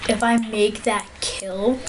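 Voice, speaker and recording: A woman giving gameplay commentary, excitable and full of trash talk. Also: mid-range voice, takes it slowly, background noise. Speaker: gamer.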